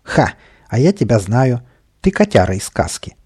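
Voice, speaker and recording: A man's voice: medium pitch, big pitch swings, moderate pace, a little mellow, breathy edge. A man voicing a tiny, scruffy, boastful and cowardly male creature in a storybook reading, with a bratty, whining manner. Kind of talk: storybook character voice.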